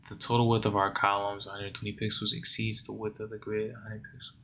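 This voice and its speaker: A man's voice: on the low side, monotone, fast, creaky, bright, forceful tone, a little hiss or hum. A man working through a coding lesson, reading the text aloud and then puzzling over it in a sleepy, think-aloud way. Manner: reads lesson text aloud, then muses and questions himself. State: sleepy, yawning. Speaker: coding learner.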